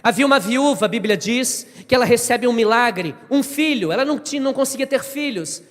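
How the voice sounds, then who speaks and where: A male pastor preaching a lively sermon, acting out scenes and voices and rising to shouts at the peaks. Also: very high voice, a little fast, long reverb tail. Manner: fervent, acts out biblical dialogue, shouts climaxes. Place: church service.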